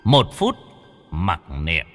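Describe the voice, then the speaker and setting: A man's voice: low-pitched, huge pitch swings, very slow, a bit bright, in a large hall, faint music behind, voice pushed down, exaggerated voice. A man voicing an older neighborhood head who reads a eulogy solemnly, fumbling and hesitating.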